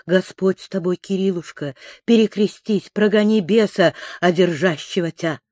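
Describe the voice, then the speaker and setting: Reader plays a kindly old priest, soft soothing murmur, unhurried, dry close sound. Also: mid-range voice, no echo, natural voice. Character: gentle, pious old male priest. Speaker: imprisoned priest.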